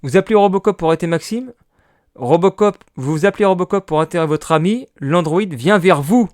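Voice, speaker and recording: Excitable male let's player with a high voice, reads game text aloud and swears freely. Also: a little fast. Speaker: let's play gamer. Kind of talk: casual gameplay commentary.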